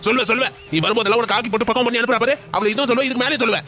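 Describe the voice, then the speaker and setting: A man's voice: very high voice, fairly even intonation, racing, loud music behind the voice. A man voicing a boastful drunk middle-aged father in a cartoon family drama, brash and mocking.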